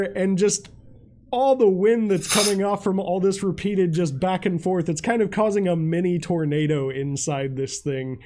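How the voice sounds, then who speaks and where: Male game master, high-pitched, informal and descriptive, narrating off the cuff. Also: mellow. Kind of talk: improvised narration of a tabletop game.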